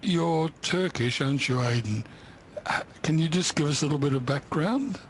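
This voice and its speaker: A man's voice: fairly high pitch, moderate pace, slight background noise. A man interviewing a guest, asking brief, plain questions.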